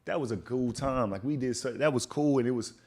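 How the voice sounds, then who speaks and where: A man's voice: mid-range voice, fairly quick. A young adult man from Texas hosting a podcast, in casual chat and telling stories with acted-out quotes. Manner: animated storytelling, acts out quotes. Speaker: podcast host.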